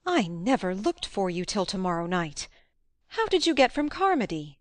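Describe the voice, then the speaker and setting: A woman voicing a stern, reserved elderly farm woman in an audiobook, low, quiet and clipped. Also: very animated, normal speed, no echo, lightly acted. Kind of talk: audiobook character voice.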